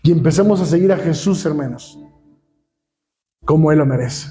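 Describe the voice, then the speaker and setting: High-voiced Mexican pastor preaching. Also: male voice, moderate pace, dark tone, faint music behind. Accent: Mexican Spanish. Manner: preachy, rhetorical questions, keeps addressing the congregation. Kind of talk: sermon.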